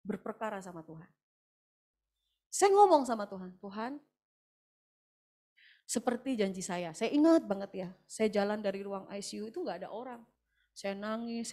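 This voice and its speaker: A middle-aged woman giving an emotional testimony during a church service, her voice rising to loud, emphatic prayer. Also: medium pitch.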